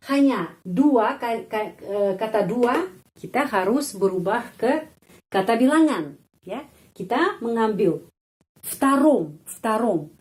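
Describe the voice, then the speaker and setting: A woman teaching a language lesson in a slow, unhurried voice that sits a little high. She repeats each example word several times with careful, drawn-out pronunciation. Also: darkish tone. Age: adult.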